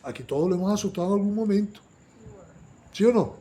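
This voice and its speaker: A man leads a Bible study sermon in a high, fast voice, animated throughout. He keeps asking his listeners to agree and acts out quoted lines by raising his voice.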